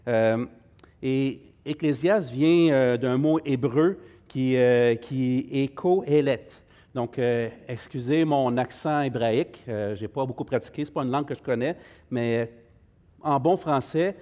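In a middle-aged man's mid-range, slightly mellow voice, a speaker with a Québécois French accent leads a casual Bible study class. He sounds hesitant, filling his talk with fillers and friendly asides to the group.

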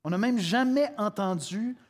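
A middle-aged man with a Québécois accent delivers a sermon like a story told among friends. He speaks straight to his listeners in a casual, familiar way. His voice sits a little high for a man. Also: unhurried. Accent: Québécois French. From Quebec. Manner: conversational, storytelling, addresses listener directly. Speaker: pastor.

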